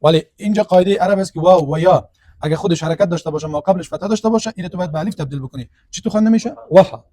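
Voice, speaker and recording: High-voiced male teacher. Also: mellow, dry recording. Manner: explains step by step, asks and answers his own questions. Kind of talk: classroom lecture on grammar.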